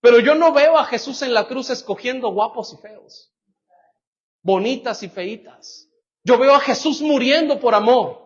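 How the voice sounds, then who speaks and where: A pastor preaching a sermon in church, animated and full of rhetorical questions. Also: male voice, very high-pitched, a little slow. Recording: dull lo-fi church recording.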